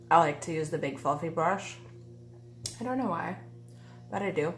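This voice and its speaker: Sitting indoors by her bedroom window, a woman in her thirties films a makeup tutorial as a beauty vlogger, sounding nasal and congested from a cold. Her lowish voice is expressive and slow, peppered with ums and uhs. Faint music and the noise of a weed eater drift in behind her.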